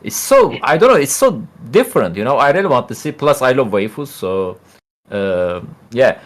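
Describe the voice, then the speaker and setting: A man speaks as a guest on a casual stream, rambling with loose, non-native phrasing and frequent fillers. His pitch swings widely as he talks, rising and dropping through each thought. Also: big pitch swings, moderate pace. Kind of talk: casual chat.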